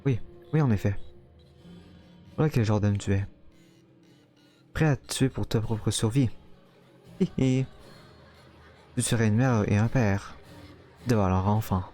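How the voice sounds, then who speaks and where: A man reading out a cruel, mocking male inner voice in a visual novel, taunting slowly and coldly. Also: lowish voice, mellow, faint music behind, natural voice.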